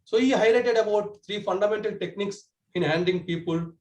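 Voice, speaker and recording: A man's voice: high-pitched, a little fast, a little mellow, roomy sound, poor audio. A man giving a prepared club speech over a video call, earnest and correcting himself as he goes. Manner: earnest, with restarts and self-corrections. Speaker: club speaker.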